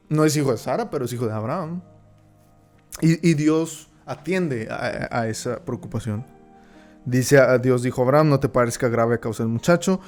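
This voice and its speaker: A man leads a Bible lesson, reading scripture and then unpacking it with frequent check-ins to the listener. His voice sits at an ordinary middle pitch. Soft music plays faintly underneath. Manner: reads verses aloud, then explains them, often checking in with the listener. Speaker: Bible teacher. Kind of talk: Bible study teaching.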